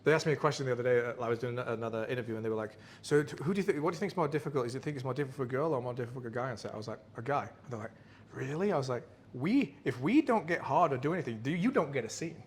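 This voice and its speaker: A man's voice: medium pitch, racing, a little hiss or hum. A man in his thirties, a guest on a podcast, talking animatedly in casual chat with lots of swearing. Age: 30s. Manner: animated, swearing, laughing, putting on voices.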